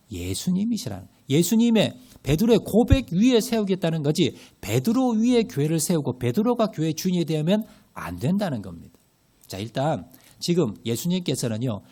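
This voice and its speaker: A man's voice: a little high, mellow, slightly rough. A male pastor preaching a sermon, firing rhetorical questions at the congregation and leading them in reading scripture aloud. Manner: leads group scripture reading.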